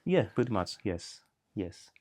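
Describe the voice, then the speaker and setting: A man's voice: lowish voice, big pitch swings, unhurried, darkish tone. A middle-aged man from Greece, a podcast guest talking in an unscripted way, thoughtful and hesitant with many restarts. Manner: reflective, hesitant, frequent restarts.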